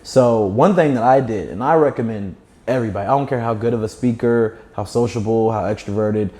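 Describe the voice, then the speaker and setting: Speaking a little fast in a dark-toned, mid-range voice, a young adult man with a slight lisp appears as a guest startup founder. He's fluent and emphatic, sharing stories and advice in an animated conversation.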